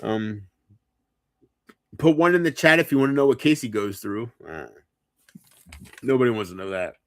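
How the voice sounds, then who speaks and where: A man's voice: medium pitch, normal speed, no echo. A man livestreaming alone, talking drunk, rambling and profane with his chat.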